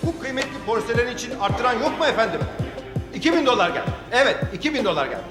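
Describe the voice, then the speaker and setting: A man's voice: very high-pitched, sing-song, quick pace. An actor playing a showy male auctioneer calling bids in a sing-song manner. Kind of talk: television drama acting. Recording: echoey hall with loud music.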